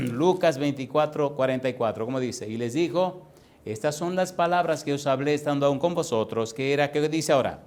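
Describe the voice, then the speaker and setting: A man's voice: on the high side, a little mellow. Man preaching with call-and-response questions. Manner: quizzes congregation with rapid questions; slows down and stretches key words for emphasis. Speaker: pastor. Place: church congregation.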